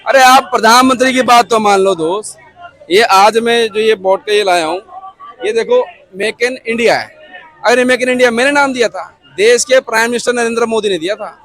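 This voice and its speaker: A man's voice: very high-pitched, a little fast, a bit bright, dry recording. A man giving his opinion in a street interview, insistent and speaking straight to the listener. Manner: insistent, addresses listener directly.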